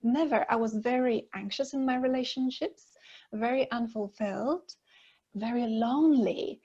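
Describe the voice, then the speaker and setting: A woman's voice: fairly high pitch, moderate pace, darkish tone, breathy edge, dull audio. A woman in her forties, born in Poland, talking openly as a guest relationship expert on a video call, with lots of fillers. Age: 40s. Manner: chatty and open, with frequent laughs and fillers. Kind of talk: casual interview talk. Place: living room at home. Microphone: earphone mic on a video call.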